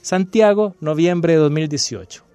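His voice sits on the high side, warm, clear and resonant, at a moderate pace, with no room sound and faint music behind. He's a Chilean man guesting on a university radio show, first reading with passion and a repeating cadence, then chatting casually about a novel.

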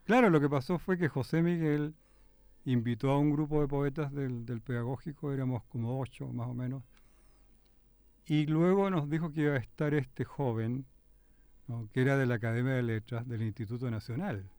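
A man's voice: mid-range voice, moderate pace, clean tone, dry recording. An older man with a Chilean accent, a poet guest telling anecdotes in an easygoing, self-deprecating way. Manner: relaxed, self-deprecating storyteller. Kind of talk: anecdotal interview storytelling.

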